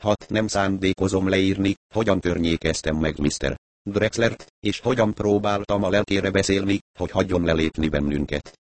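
A man narrating an audiobook in a wry, steady first-person telling. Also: low voice, dry recording.

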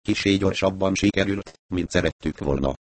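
Mély hangú férfi mesélő. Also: male voice, low voice, no echo. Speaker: narrator. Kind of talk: audiobook narration.

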